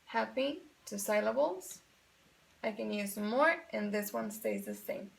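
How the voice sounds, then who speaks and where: Gravelly-voiced woman teaching grammar. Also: mid-range voice, unhurried. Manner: patient, explains step by step, repeats examples; switches between Spanish and English. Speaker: English teacher. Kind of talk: bilingual grammar lesson.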